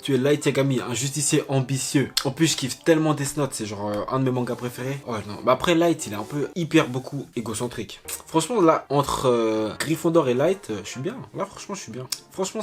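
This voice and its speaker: A young man hosting a casual vlog, reading quiz questions aloud and chatting about his answers in a self-mocking way. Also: mid-range voice. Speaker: YouTuber.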